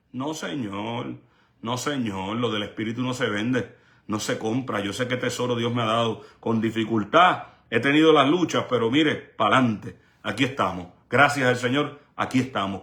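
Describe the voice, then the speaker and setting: A man's voice: mid-range voice, sharp tone. A male evangelist delivering a sermon with an emphatic, repetitive preaching cadence.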